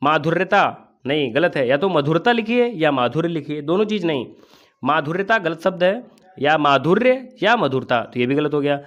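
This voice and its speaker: A man's voice: a little high, expressive, normal speed, fairly bright tone, dull audio. Man explaining test answers. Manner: asks and answers his own questions. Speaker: exam coaching teacher.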